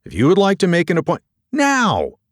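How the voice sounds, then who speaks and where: A man voicing a pert young female museum docent who talks high, breathless and urgent. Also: very animated, racing, darkish tone, no room sound, clean studio sound. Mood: frantic urgent.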